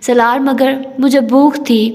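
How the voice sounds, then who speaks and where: Sulky, innocent young bride for an audiobook romance, played by a woman narrator: high, slow and sweet; hall echo. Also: fairly even intonation, darkish tone. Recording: long hall reverb.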